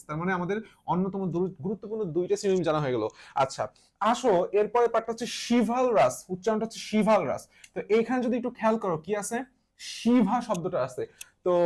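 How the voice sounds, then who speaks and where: A man leads a casual online vocabulary lesson in a fairly high voice. He keeps asking what a word means and then answering it himself, so each point gets repeated. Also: darkish tone. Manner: casual, repeats key words as questions and answers. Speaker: teacher.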